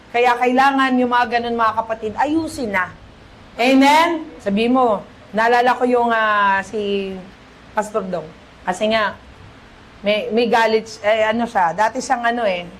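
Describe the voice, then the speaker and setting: A woman pastor with a Filipino accent preaching a lively sermon, asking the congregation "Amen?" and quoting scripture in English. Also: fairly high pitch, slight background noise. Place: church.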